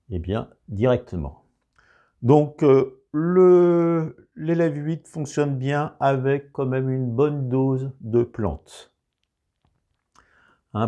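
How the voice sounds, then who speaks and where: A man's voice: mid-range voice, a little mellow. A man with a regional accent demonstrating a product in a casual review, explaining carefully with many hesitations. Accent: French regional.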